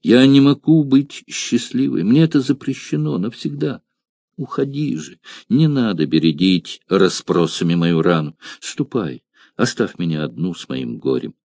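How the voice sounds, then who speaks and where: A man voicing a trembling, sorrowful young woman in an audiobook, speaking in hushed, broken phrases. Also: fairly low pitch, expressive, unhurried, creaky, dry recording, studio quality, exaggerated voice. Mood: grieving. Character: anguished young woman, gladiator's sister.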